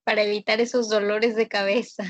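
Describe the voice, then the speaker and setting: A woman hosting a casual educational podcast in a relaxed, conversational way. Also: medium pitch, a little fast, dry recording, muffled recording. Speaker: podcast host.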